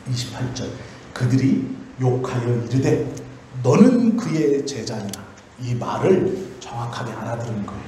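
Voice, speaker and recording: A man's voice: medium pitch, warm tone, slight background noise. A male pastor giving a Friday prayer sermon in a church, explaining by asking questions and then answering them himself. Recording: very echoey church hall.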